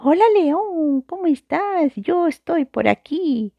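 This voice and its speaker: A small friendly bird from a storybook, put on by a woman, with a high, sweet, lilting voice that drifts along slowly. Beneath the chirpiness runs a soft, slightly gravelly edge. The recording sounds dull and lo-fi. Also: expressive, no echo, heavily acted. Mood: cheerful. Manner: high, sweet, slow and sing-song. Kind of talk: storybook voice in a class lesson.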